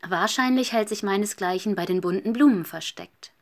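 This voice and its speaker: A woman's voice: medium pitch, moderate pace, lightly acted. A woman voicing a lonely little Easter hedgehog in a children's story, earnest and a bit plaintive.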